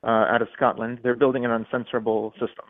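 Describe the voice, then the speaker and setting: A male radio caller comes through a narrow, tinny phone line at a middling pitch. He rambles and halts, padding his points with fillers. The studio sound around his voice is dry. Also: level tone, no room sound. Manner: rambling, halting with many fillers. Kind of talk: call-in radio chat.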